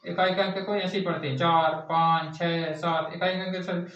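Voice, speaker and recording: A man's voice: sits high, little pitch movement, normal speed, a bit bright. A male teacher drilling a math lesson, asking questions and answering them himself in a repetitive classroom style. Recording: echoey distant lo-fi classroom recording.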